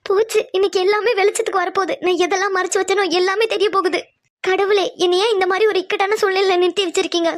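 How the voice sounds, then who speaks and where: A woman's voice: very high-pitched, fairly even intonation, racing, no echo, studio quality. A woman voicing an anxious middle-aged mother in a cartoon who hurries her daughters home. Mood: fearful. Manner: pleading, insistent. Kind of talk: cartoon voice acting.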